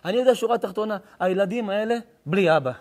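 A middle-aged man, a rabbi, preaching a sermon. He swings from loud, emphatic declaiming to hushed, intense storytelling. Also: high voice.

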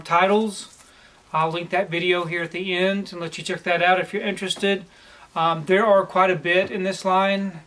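A man in his forties, seated at home, casually presenting his collection haul with a relaxed, plain manner and frequent pauses. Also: high voice. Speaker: collector vlogger. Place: home room lined with disc shelves, indoors.

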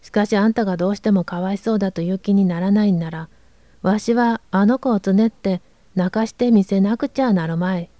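A woman's voice: mid-range voice, fairly quick, warm tone, no echo, muffled recording, natural voice. A woman reading aloud, voicing a harsh, domineering middle-aged father who barks orders. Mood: gruff. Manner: gruff, barking orders.

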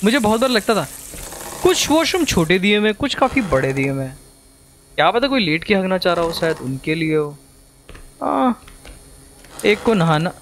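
High-voiced young man playing horror. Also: very animated, normal speed, long pauses, a bit bright, a little hiss or hum. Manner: jumpy, swears, mixes Hindi and English. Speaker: gaming streamer. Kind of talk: horror game commentary.

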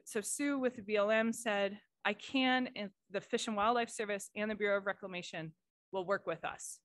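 An American woman tells a story during a board meeting report, candid and chatty as she quotes colleagues. Her pitch sits in an ordinary middle range, and the sound is dry and close. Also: no echo. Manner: candid, storytelling, quotes people in lively retellings. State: voice cracking with tears. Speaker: board member giving a report. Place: meeting room.

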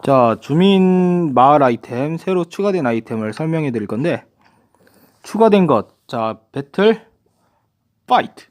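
Young man, gaming commentator, casual, talks to himself, animated pitch, slightly high voice. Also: a little slow. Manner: lively, talks to himself while playing. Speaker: gaming YouTuber.

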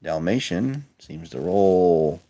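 With a deep, mellow voice that's animated yet slow, a man chats wryly and mutters asides while opening plenty of old toy cars. He's a toy collector vlogger filming close up on a handheld phone at an indoor table.

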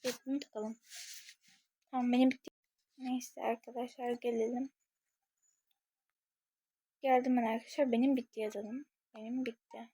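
A woman's voice: a little high, little pitch movement, normal speed, long pauses, dark tone, husky, dry recording. A young woman casually commenting on a game she is playing, chatting to her viewers and thinking aloud as she goes. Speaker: gaming channel creator.

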